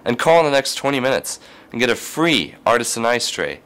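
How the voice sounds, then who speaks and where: A man's voice: mid-range voice, big pitch swings, fairly quick. A man delivering a mock infomercial as an announcer, in an upbeat, salesy way.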